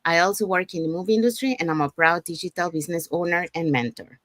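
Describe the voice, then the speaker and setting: Low-voiced woman host from Panama. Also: fast talker, no room sound, clean studio sound. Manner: steady explanatory, many "so" starts. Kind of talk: casual panel chat and promo.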